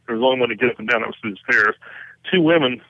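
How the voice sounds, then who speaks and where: Male interview guest, quick and forceful, emphatic conversational delivery in a dry setting. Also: medium pitch, no echo, rough recording. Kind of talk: conversational explanation of a case.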